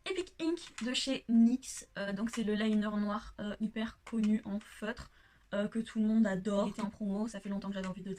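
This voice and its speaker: A woman's voice: on the high side, a little hiss or hum. A woman vlogger chatting through a makeup haul in her home workshop, gushing and hesitating often. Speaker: beauty vlogger. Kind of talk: casual makeup haul vlog.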